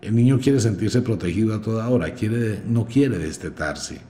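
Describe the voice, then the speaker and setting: A man teaching a magic course in a podcast lecture, emphatic and swinging between quiet and loud. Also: on the low side, moderate pace.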